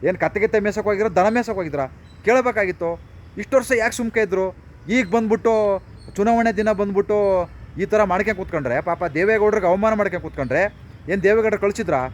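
A man's voice: high-pitched, very fast. A man, delivering an impassioned monologue full of rhetorical questions and repeated phrases, recorded outdoors near traffic. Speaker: political commentator.

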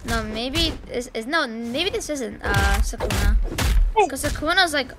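A woman's voice: on the high side, expressive, heavy background noise. A woman commentating her own gameplay in a casual way, teasing and trash-talking her opponent, often stumbling over and restarting her words. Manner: playful trash talk, halting restarts. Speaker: gamer. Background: background music.

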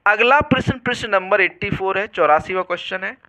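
Male exam tutor, high clear voice, quizzing style. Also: fairly quick, pushed and bright. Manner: quizzing, repeats questions back to students. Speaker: exam prep teacher. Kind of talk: online exam lesson.

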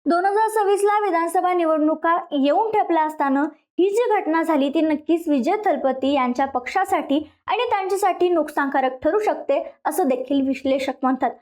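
Woman, Marathi accent, news presenter, high-pitched, explanatory, direct address.

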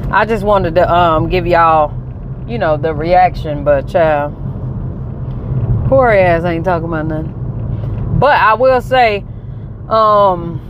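A woman's voice: on the low side, slow, pauses often, background noise. A woman in her thirties doing casual reaction commentary from inside a car, talking bluntly and joking around on a lapel mic. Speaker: reaction vlogger. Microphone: clip-on lapel mic.

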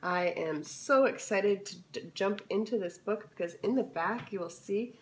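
Speaking at normal speed and medium pitch, this woman vlogger has a scratchy voice. Her haul video is chatty and eager, sprinkled with lots of filler words.

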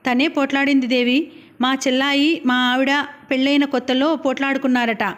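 A woman reading an audiobook, voicing a joking middle-aged male doctor who banters slowly. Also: sits high, flat delivery, natural voice.

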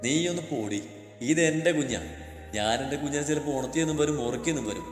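A man playing a gruff, stubborn young husband and policeman, read in an echoey room with faint music behind. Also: fairly high pitch, quick pace, natural voice.

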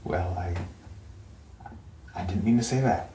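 A man's voice: low-pitched, a little slow. An actor playing a flustered young man who stammers and pleads with his sulking girlfriend, in naturalistic film dialogue. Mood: pleading. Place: living room of a home. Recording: roomy room echo, faint background hum.

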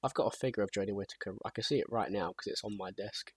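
A young man chatting casually with a friend while gaming, with a husky voice and dry, rambling humor. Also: on the low side, fast, no room sound. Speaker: co-host.

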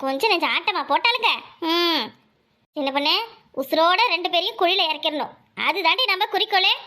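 A shrill, sly village schemer. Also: female voice, brisk, bright, forceful tone. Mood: sly, mock grieving. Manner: wailing, gossipy, sly. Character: scheming village woman, mock-grieving in-law. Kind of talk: Tamil cartoon voice acting.

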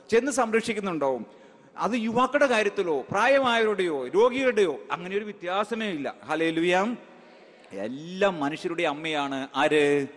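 A man's voice: high-pitched, fairly bright tone. A male priest preaching a sermon emphatically, calling out hallelujah and asking the crowd rhetorical questions. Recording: long hall reverb.

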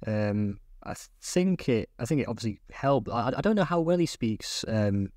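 A man chatting casually as a football journalist guest on a podcast, halting and repeating words as he thinks. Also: mid-range voice, animated, a little mellow, dry recording, clean studio sound.

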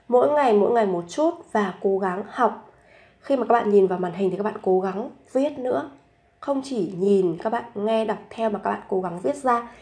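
A young adult woman teaching a language lesson, patiently explaining grammar and repeating example sentences slowly. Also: medium pitch, a little mellow.

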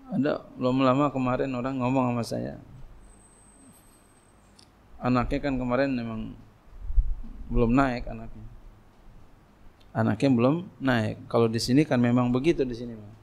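A middle-aged man a gravelly, creaky voice and a lilt gives a relaxed religious lecture. He talks the way he would in conversation, repeating himself and tossing out rhetorical questions. His pitch sits in an ordinary middle range. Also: normal speed, pauses often. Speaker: Islamic boarding school teacher.

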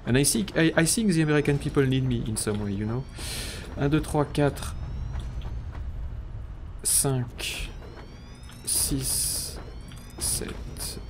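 A man in casual live-stream commentary at a middle pitch, talking half to himself as he places parts and counts them off. He keeps breaking into mock-pompous, self-ironic asides. A faint hiss sits under the voice. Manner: thinking aloud, counting and muttering while building. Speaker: streamer playing a factory-building game.

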